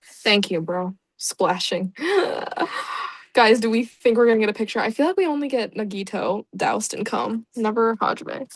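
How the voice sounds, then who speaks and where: Young woman, let's-play commentary, higher voice, dry close sound, chatty, reactive. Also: normal speed, husky, no echo. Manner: chatty, reacting aloud with laughs and groans. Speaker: gaming YouTuber.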